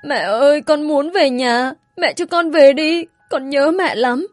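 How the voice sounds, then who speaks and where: A woman's voice: high voice, unhurried, faint music behind, voice pushed up. A woman voicing a small boy who is crying and begging to go home to his mother. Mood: sobbing, pleading. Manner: tearful, pleading.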